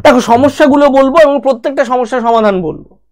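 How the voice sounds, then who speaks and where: A woman's voice: high-pitched, fast, darkish tone. A woman with a Bengali accent giving a spoken English lesson, speaking straight to the viewer and going through learners' problems one by one. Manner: direct, talks to the viewer as "you", lists problems one by one.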